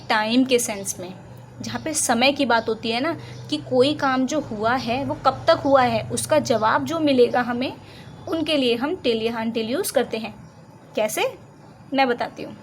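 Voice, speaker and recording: A woman with an Indian accent teaching English grammar, explaining in Hindi, reading English examples slowly and deliberately and answering her own questions. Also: fairly high pitch, slight background noise, poor audio.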